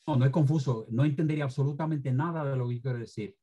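A man who once taught Spanish speaks quickly and emphatically in an interview, lecturing about careless use of language in opinionated commentary. His voice is medium-pitched, and the recording has its highs cut off.

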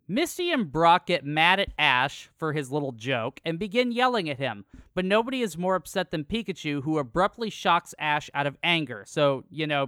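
A man's voice: fairly high pitch, bright, forceful tone, clear, resonant tone, no echo, clean studio sound. A man co-hosting a podcast, recapping an episode from a script with jokey asides. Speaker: podcast co-host. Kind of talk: casual recap chat.

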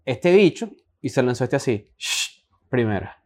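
A man's voice: mid-range voice, sing-song, moderate pace. A man with a Venezuelan accent, co-hosting a casual chat and telling stories with acted-out bits. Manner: joking storyteller, acts out scenes. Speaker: podcast co-host.

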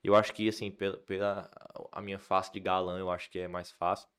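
A man's voice: deep voice, a little fast. A man from Ceará, a comedian telling stories in a casual chat, full of fillers and restarts. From Ceará, Brazil. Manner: animated storyteller, many fillers and restarts. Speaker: comedian guest.

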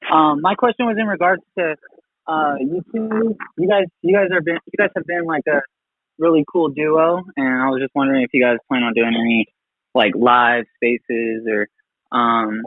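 A man's voice: medium pitch, fairly even intonation, normal speed, no room sound. A man calling into a live audio chat, talking in a laid-back, slangy, hesitant way, heard over a phone-like speaker line. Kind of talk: casual chat. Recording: tinny phone-like line, dry.

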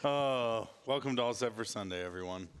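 A man's voice: medium pitch, a little fast, clear, resonant tone. A man co-hosting a podcast live from a former stone monastery, in easy chat and scripture talk, with a cave-like echo around his voice. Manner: relaxed, laughs easily. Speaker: podcast co-host. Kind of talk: casual chat and scripture commentary. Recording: long hall reverb in a stone room.

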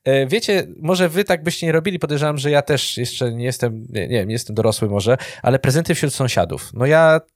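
A young man co-hosting a casual chat, joking and animated, laughing often. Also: mid-range voice, brisk, hardly any pauses, no room sound, clean studio sound. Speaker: podcast co-host. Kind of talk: casual banter.

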